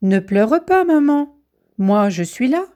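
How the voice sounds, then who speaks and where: Woman voicing a tiny bold boy, cheerful, high, slow. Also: very animated, mellow. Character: tiny brave boy born from a chickpea.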